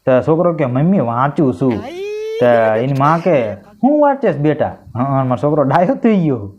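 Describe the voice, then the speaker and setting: A man telling a string of jokes, lively and mimicking the voices of the people in them. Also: medium pitch, moderate pace, a crowd in the background. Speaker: stand-up comedian telling jokes. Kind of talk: joke-telling monologue. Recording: dull lo-fi sound.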